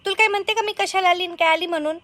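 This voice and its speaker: A woman's voice: extremely high pitch, fairly even intonation, rapid-fire, pushed and bright. A woman voicing a teasing, chatty village neighbour.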